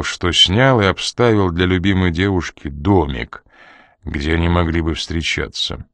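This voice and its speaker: A man voicing a cold, menacing man who presses a woman with slow, quiet, threatening questions. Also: deep voice, dry recording, exaggerated voice.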